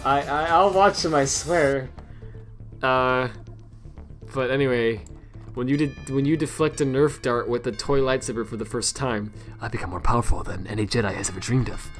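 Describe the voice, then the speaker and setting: A man's voice: medium pitch, a bit bright. Rambling, self-mocking male streamer. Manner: rambling and self-deprecating, laughs often. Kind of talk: casual live-stream chat.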